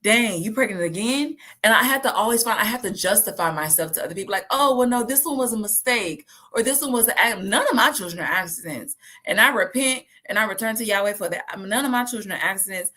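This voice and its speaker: A woman, talking casually and lively to her viewers and acting out the voices she quotes. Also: medium pitch, quick pace, hardly any pauses. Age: 30s. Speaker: host.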